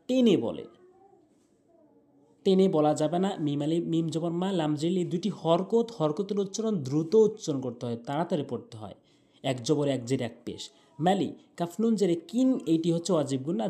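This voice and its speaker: A man teaches Quran pronunciation by spelling out every letter and vowel, then chanting the verse slowly with long, drawn-out notes. His voice is on the high side with a dark tone.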